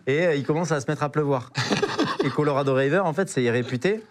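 A man's voice: a little high, fast. A young man, a podcast guest, telling an adventure story in a casual, slangy way, with lots of hesitations and repeated words.

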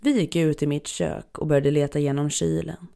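A narrator reading listener-submitted horror stories aloud in a measured, even storytelling manner. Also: medium pitch, creaky, clear, resonant tone. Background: faint background music.

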